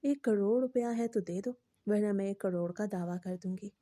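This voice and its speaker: A woman voicing a calm, defiant wife who answers back in a composed, matter-of-fact way. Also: medium pitch, natural voice. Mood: calm defiance.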